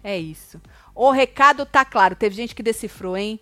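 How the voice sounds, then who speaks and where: A woman's voice: a little high, no echo, faint music behind. A woman with a Brazilian Portuguese accent hosting a live gossip show, chatting casually and reading out viewer comments. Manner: lively, quick shifts between reading comments and chatting.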